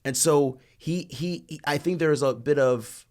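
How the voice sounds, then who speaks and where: Lively man telling stories as a guest. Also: a little high, a little slow. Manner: animated, acts out quoted people. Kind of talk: casual interview storytelling.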